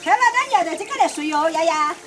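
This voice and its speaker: High-pitched, lively Sichuanese woman chatting. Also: quick pace. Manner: exclamatory, repeats short phrases. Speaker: family vlogger. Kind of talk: casual family chat outdoors. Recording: background music.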